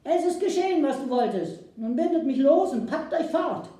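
A woman's voice: fairly high pitch, sing-song, takes it slowly, voice pushed up. Woman playing an enraged captive chief. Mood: angry. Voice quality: shouting, indignant. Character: enraged captive male Native chief, proud. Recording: echoey room, distant mic.

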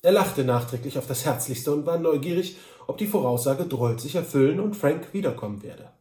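A man reading a novel aloud in a calm, measured amateur audiobook narration. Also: a little high, echoey room. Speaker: reader.

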